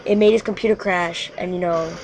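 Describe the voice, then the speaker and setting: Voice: mid-range voice, steady tone, brisk, background noise. A show host casually telling a creepy story live, rambling and often stopping mid-sentence to correct themselves. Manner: rambling, frequently corrects itself.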